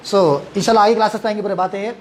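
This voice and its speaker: A man's voice: sits high, fairly even intonation, very fast, a little mellow, slight background noise. Man teaching English verb forms. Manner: drills students with repeat-after-me, mixes English and Hindi-Urdu. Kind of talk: online verb-forms class.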